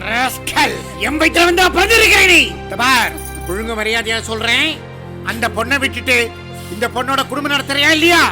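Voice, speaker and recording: A man's voice: extremely high pitch, lively intonation, brisk. A man playing a proud, stern older zamindar patriarch who commands his household and scolds his son. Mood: furious. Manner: commanding, scolding, shouts when angry. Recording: music playing behind.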